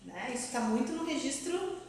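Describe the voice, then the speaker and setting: Lively woman lecturing in an echoey hall. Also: high-pitched, normal speed. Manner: lively, asks the audience questions, laughs often. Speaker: university professor giving a talk. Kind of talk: lecture to an audience. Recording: loud echoey hall, far from mic.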